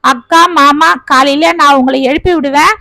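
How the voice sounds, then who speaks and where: Woman storyteller doing a young wife, high voice, pleading, dry sound. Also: steady tone, normal speed, pushed and bright, no room sound. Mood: bossy. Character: tearful young wife begging forgiveness.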